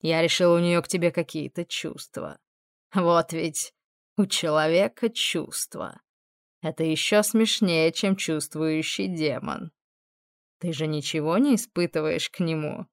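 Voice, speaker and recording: A woman voicing a male friend of the hero who muses softly and wryly. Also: sits low, fairly even intonation, a little slow, no room sound, studio quality. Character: man friend of the hero, relieved and wry.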